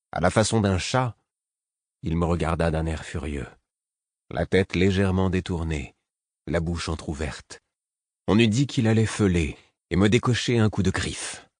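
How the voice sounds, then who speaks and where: A man reading a first-person audiobook in a measured, steady storytelling manner. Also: deep voice, no room sound, studio quality. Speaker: audiobook narrator.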